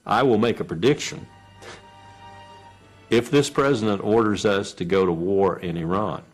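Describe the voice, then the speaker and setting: A man giving interview commentary, making forceful predictions. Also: sits low.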